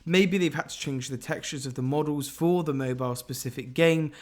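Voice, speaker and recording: An enthusiastic man talks through game leaks in a voice pitched a little above most men's. He speculates freely and speaks straight to his viewers. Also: a little fast, a little mellow. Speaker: gaming YouTuber.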